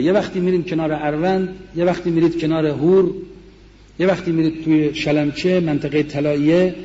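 A man's voice: on the high side, dark tone, a little hiss or hum. Earnest man telling memories in a hall. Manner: earnest, measured storytelling. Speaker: war veteran speaker. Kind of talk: recounting memories to an audience. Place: large mosque hall. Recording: dull sound in a reverberant hall.

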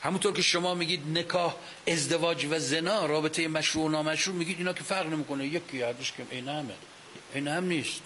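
A man's voice: a little high, low-quality recording. A man with a slightly raised voice delivers a religious lecture, arguing his case and firing rhetorical questions at his listeners. He speaks into a microphone before an audience. A faint hiss runs under the recording. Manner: animated, argumentative, asks rhetorical questions. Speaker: cleric lecturer.

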